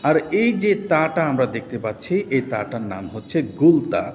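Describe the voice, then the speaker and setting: A man with a Bangladeshi Bengali accent teaching Quran reading, spelling out letters and vowel marks slowly before blending them into words. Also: medium pitch, expressive, a little mellow. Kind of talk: step-by-step recitation lesson. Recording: roomy long reverb, faint background hum.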